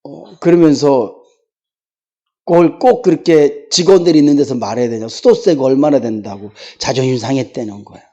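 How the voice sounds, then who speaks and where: A woman's voice: very deep voice, moderate pace, mellow, highs cut off. A woman pastor preaching a sermon in a church, mixing laughing personal stories with emphatic, pleading exhortation. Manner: emphatic, pleading preaching that rises into fervent declarations; tells personal anecdotes with laughter. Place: church sanctuary.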